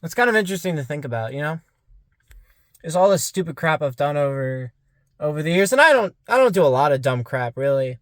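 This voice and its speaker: A man's voice: a little high, animated, brisk, a bit bright, dry recording, clean studio sound. A young man of about twenty musing aloud in a rambling vlog monologue, full of "like" fillers. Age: around 20. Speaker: vlogger. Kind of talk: casual reflective monologue.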